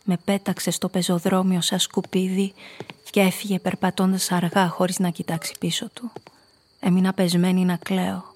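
A lowish, natural-sounding female voice with a darkish tone and flat delivery tells a first-person tale as a scared blackmailer in a scripted radio drama. The actress keeps it intimate and confessional, her mood shaken and somber.

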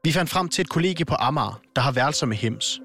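A man who hosts and narrates, reading scripted documentary narration in a calm, measured way. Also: fairly high pitch, gravelly, faint music behind. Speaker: host and narrator.

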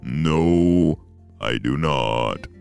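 Storybook role: ancient bullfrog, booming low and slow, gravelly. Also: male voice, expressive, a little mellow, full character voice. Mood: blunt. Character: old slow deep-voiced male bullfrog. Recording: faint music behind.

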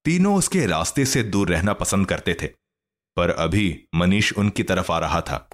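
A man with a fairly low voice reads a children's story aloud, his pitch rising and falling in a lively, expressive way. The delivery is scripted and steady, shaped for listeners following along. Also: measured pace. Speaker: narrator. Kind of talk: storybook narration.

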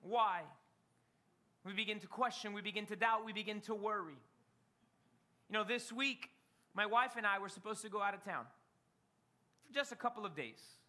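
A man's voice: sits high, a little fast, pauses often, sharp tone. A middle-aged man, a pastor, preaching a sermon with dramatic storytelling and rising emphasis.

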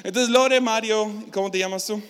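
A man's voice: sits high, moderate pace, clear, resonant tone. A man giving a casual, jokey youth sermon, talking directly with the audience. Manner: lively, jokey, interacts with the audience. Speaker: youth pastor. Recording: hall reverb.

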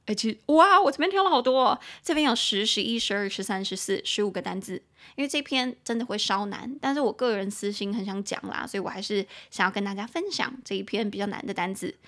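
A young adult woman hosting an English lesson podcast in Mandarin. She spells words out slowly and chats with playful asides. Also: fairly bright tone. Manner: chatty, with playful high-pitched asides. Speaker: English teacher and podcast host. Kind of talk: bilingual vocabulary lesson podcast.

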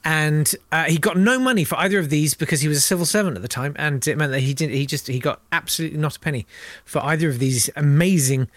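Wry rambling man, slightly higher voice. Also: fast talker, few pauses, fairly bright tone, no echo. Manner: rambling, wry, lots of uhs. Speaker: podcast co-host. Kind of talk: casual podcast chat, telling a history story.

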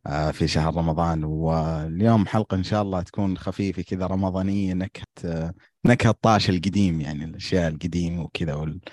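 Low-pitched, fast Saudi man. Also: a little mellow, dry recording, studio quality. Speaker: podcast panelist. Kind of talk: casual chat.

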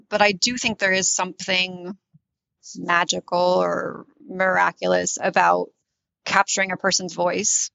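Woman in her 30s, low flat gravelly voice, thoughtful interview guest, dull dry lo-fi recording. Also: dry recording. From born in Tunisia, raised in the US. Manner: thoughtful, searching for words, frequent restarts. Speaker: literary translator, guest. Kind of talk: reflective interview talk.

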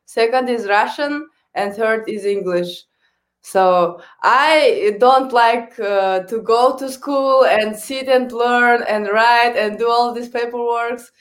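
A young adult woman from Kazakhstan, a native Kazakh speaker with a Kazakh accent, answers interview questions in English as a hockey coach. She speaks slowly in a fairly high voice, hesitant and searching for words in her non-native English.

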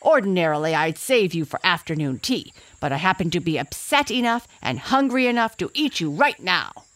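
A woman voicing a vain, hot-tempered young male lion who yells and blusters. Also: lowish voice, very animated, normal speed, no room sound. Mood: threatening. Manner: yelling, blustering.

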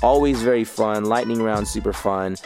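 A man's voice: fairly low pitch, moderate pace, a little mellow, soft background music. A man hosting a podcast, chatting casually and upbeat with a guest, with many fillers. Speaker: podcast host.

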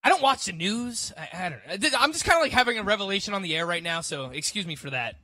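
Co-host: high, very bright young man, joking and self-mocking, dry close mic. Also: expressive, fast, dry recording. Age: 20s. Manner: playful, self-mocking, laughs often. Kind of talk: casual podcast chat.

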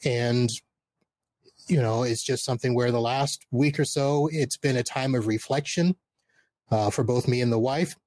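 A man's voice: mid-range voice, normal speed, a little mellow, no room sound. A middle-aged man speaking as a podcast host in a casual, conversational, plain-spoken way, live from a backyard. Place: outdoors in a backyard.

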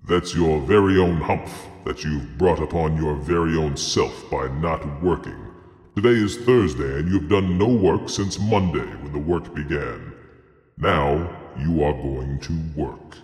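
A man voicing a grand, stern male desert Jinn in a storybook, speaking slowly and weightily in an admonishing way. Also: extremely low pitch, a little mellow, pitched below the performer's own voice. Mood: lecturing. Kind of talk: storybook character voice. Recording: roomy echo with long reverb.

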